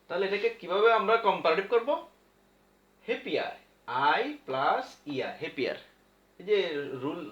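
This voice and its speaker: A man's voice: fairly high pitch, a bit bright. A male English teacher with a Bangladeshi Bengali accent, giving a classroom grammar lesson at a board and patiently repeating the rules. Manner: repeats rules patiently, asks and answers his own questions. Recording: echoey room, dull lo-fi sound.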